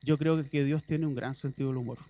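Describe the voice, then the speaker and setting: A man's voice: medium pitch, fairly even intonation, quick pace, dark tone. A man with a Chilean Spanish accent preaching a sermon in a church, talking in a conversational way with ironic asides and emphatic bursts.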